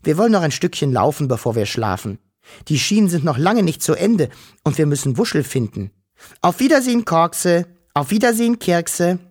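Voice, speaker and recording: Ein kleines, zaghaftes Fabelwesen mit grünem Haar, von einem Mann gesprochen, klingt in einer Kinderhörgeschichte hell und etwas höher. Sie seufzt oft und spricht ängstlich und klagend. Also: male voice, fairly high pitch, sing-song, moderate pace, voice pushed up. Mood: tired. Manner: anxious, sighing, plaintive. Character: small timid female furry creature with green hair.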